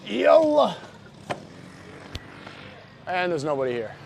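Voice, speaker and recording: A New York man livestreams from the city streets at night, talking loosely in slang with his chat and with strangers he runs into. His voice is high and slow, with huge pitch swings and vocal fry. There's slight background noise.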